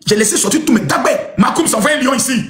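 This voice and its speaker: Guy ranting on a live stream, high voice jumping all over, loud and mocking, echoey room. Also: quick pace. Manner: animated, shouting, mocking, acts out voices.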